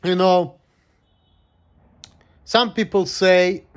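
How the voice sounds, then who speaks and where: A man in his late thirties talks straight to camera in a loose vlog monologue. His voice sits a bit high, and he vents in a gloomy, profane way. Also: steady tone, drawn-out words. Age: 30s. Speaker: vlogger. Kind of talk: casual monologue.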